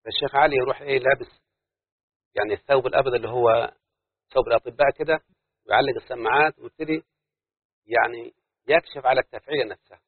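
A man's voice: mid-range voice, fairly even intonation, fast talker, long pauses, slightly rough, no echo. A man with an Egyptian accent teaching a classroom lesson, who keeps quizzing his students on whether they follow. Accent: Egyptian Arabic. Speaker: teacher of Arabic prosody. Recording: dry, narrow phone-like lo-fi sound.

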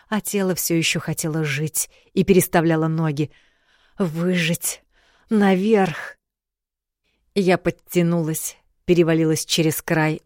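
A woman narrating an audiobook in the first person, telling the story in a measured, even way. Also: sits low, dry recording, studio quality.

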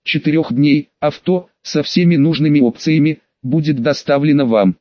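A man's voice: a little high, normal speed, no room sound, muffled recording, natural voice. A man voicing a polite, deferential dealership director. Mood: obsequious.

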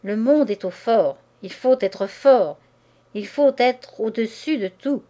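A woman's voice: a little high, expressive, slow, mellow. A woman voicing a jealous young husband who keeps pressing his wife with insistent questions, in an audiobook of a classic novel. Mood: bitter, resolute.

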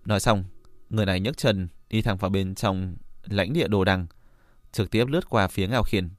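A male audiobook narrator reads a fantasy tale in a steady, even storytelling manner. His voice sits low. The recording is dry and close, with no room echo. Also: normal speed. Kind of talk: scripted narration.

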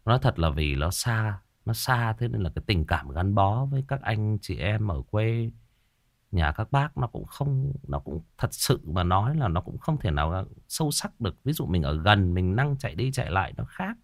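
Deep-voiced Vietnamese man chatting reflectively. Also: moderate pace, vocal fry, dry recording, clean studio sound. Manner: chatty, animated when reminiscing, many repetitions. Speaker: ghost story podcast host. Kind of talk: casual reflective storytelling to listeners.

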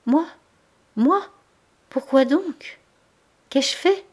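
A woman's voice: sits high, animated, very slow, a little mellow, pitched above the performer's own voice, heavily acted. A woman reading an audiobook voices a frightened young shop girl who pleads urgently and breathlessly. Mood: distraught.

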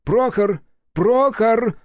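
A man's voice: mid-range voice, expressive, unhurried, a little mellow, no room sound, voice pushed up. A man voicing a fussy, ceremonious middle-aged town official who talks politely and pleads. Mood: fussy, pleading.

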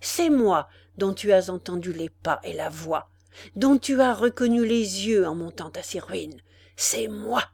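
A woman's voice: mid-range voice, animated, a little slow, vocal fry, darkish tone, slightly rough, full character voice. A woman voicing a small, menacing wild man who speaks in a grim, mocking, threatening way. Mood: accusing.

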